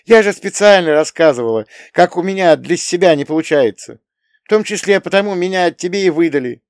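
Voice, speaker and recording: A man's voice: high voice, animated, a little fast, no room sound, clean studio sound, pitched above the performer's own voice. Tearful young woman lieutenant, a man putting her on. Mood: agitated. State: crying. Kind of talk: audiobook character voice.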